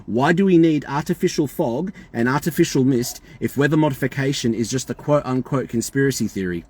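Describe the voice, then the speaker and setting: A man's voice: medium pitch, fairly quick, a little mellow, breathy edge. An Australian man calling a hotline, talking in an insistent, emphatic and repetitive way. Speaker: caller. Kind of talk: phone call complaint.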